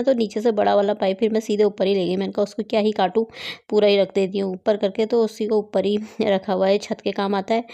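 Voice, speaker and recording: A woman in her thirties talks through her morning chores in a loose, rambling home vlog. Her voice is soft and mellow, neither high nor low, and she breaks into easy laughs. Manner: chatty, rambling, laughs often. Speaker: vlogger. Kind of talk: casual home vlog narration. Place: home, rooms and rooftop.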